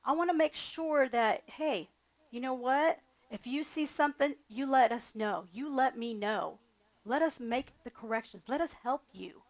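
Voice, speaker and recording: Lady running for office, earnest, says the same thing twice, a bit gravelly. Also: sits high, moderate pace. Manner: earnest, repetitive campaign phrasing. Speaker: candidate for county attorney. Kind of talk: interview answers.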